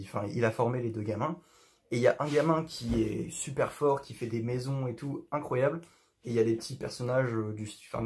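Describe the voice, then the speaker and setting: A young man chatting casually to his viewers from his bedroom. He rambles, trailing off and restarting with plenty of fillers, at an ordinary middle pitch. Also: darkish tone. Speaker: youtuber. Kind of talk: casual chat to camera.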